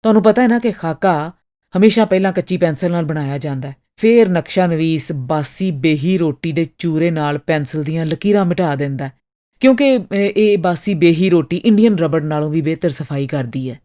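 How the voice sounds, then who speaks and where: A woman's voice: low voice, animated, a little fast, mellow. A woman voicing a polite, flustered young male clerk who explains with hesitant, stumbling speech. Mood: apologetic.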